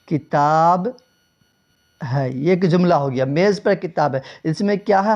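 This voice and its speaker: In this exam-prep grammar lesson, heard through a dull lo-fi recording, a high-pitched, slightly mellow male teacher covers Urdu grammar. His habit is to pose rhetorical questions, repeat the answers, and spell English words letter by letter.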